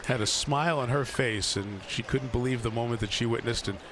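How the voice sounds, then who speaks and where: A man's voice: mid-range voice, fairly quick. A man giving live golf tournament commentary in short, clipped broadcast phrases. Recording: crowd and outdoor noise behind. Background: spectators and outdoor course ambience.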